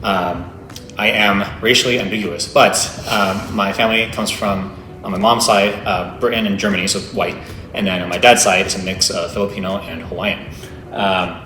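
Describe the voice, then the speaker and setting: Deep, bright-voiced man in his twenties. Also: echoey room, a little hiss or hum. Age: 20s. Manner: chatty, with many fillers. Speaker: interviewee. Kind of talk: casual interview answers.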